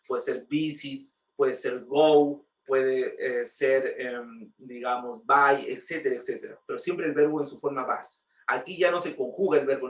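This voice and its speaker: A man's voice: medium pitch, fairly bright tone, recorded from a distance. A man teaching English grammar, patiently repeating points and checking with rhetorical questions. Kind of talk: explaining grammar lesson. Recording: roomy, voice from off-mic.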